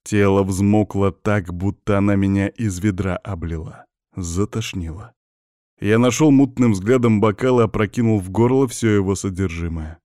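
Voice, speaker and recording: A man narrating a first-person audiobook in an even, gruff storytelling voice. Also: on the low side, moderate pace, no room sound, clean studio sound.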